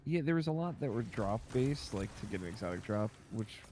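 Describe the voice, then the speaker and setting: A man's voice: on the low side, lively intonation, a little fast, background noise. A young man chatting casually as a game streamer in an easygoing, slangy way. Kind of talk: casual chat while gaming.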